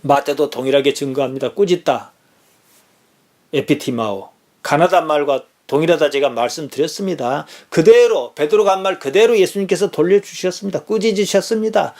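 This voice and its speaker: A middle-aged man preaches as a pastor, his voice sitting a little higher than most men's. He reads scripture passages aloud and unpacks them, pressing his listeners with pointed rhetorical questions. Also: moderate pace, darkish tone. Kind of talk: sermon.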